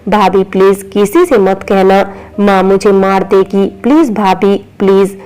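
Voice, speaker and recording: A woman's voice: medium pitch, steady tone, measured pace, mellow, clear, resonant tone, close to an everyday voice, poor audio. A woman voicing a frightened young woman who pleads anxiously with her sister-in-law. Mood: begging.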